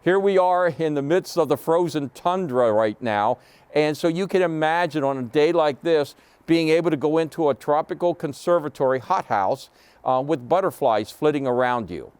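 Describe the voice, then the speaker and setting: A man's voice: fairly high pitch, normal speed, a little mellow, clean tone, dry recording. A man speaking unscripted and descriptively in an interview.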